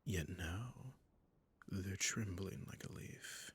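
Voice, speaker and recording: In intimate roleplay audio, a man voices a sadistic, possessive vampire lord using silky, mock-courteous, condescending endearments. His deep voice is a breathy, gravelly near-whisper, slow and exaggerated.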